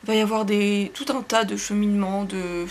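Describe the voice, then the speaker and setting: A young woman reviewing books in a casual vlog, rambling and hesitant, full of fillers and self-corrections, and quick to poke fun at herself. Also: mid-range voice, little pitch movement, slight background noise. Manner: self-deprecating, laughs at herself. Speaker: book vlogger.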